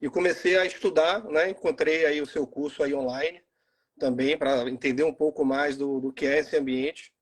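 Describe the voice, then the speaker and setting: A man in his forties from Salvador with a Bahian Brazilian accent, chatting casually as a guest on a live video call and pausing often with fillers. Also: on the high side. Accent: Bahian Brazilian Portuguese. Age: 40s. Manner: relaxed, halting with frequent fillers. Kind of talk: casual live stream chat. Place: at home in Salvador.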